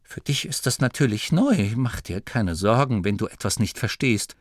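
A man voicing a patient young male gnome leader who explains things calmly in a storybook reading. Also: medium pitch, moderate pace, dry recording, clean studio sound, natural voice. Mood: reassuring. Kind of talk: audiobook character voice.

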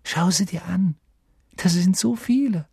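A man reading an audiobook, voicing an orphaned boy wizard with an urgent, intense manner and a husky voice. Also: medium pitch, animated, moderate pace, no room sound, clean studio sound, pitched above the performer's own voice, heavily acted. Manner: urgent, hushed at times.

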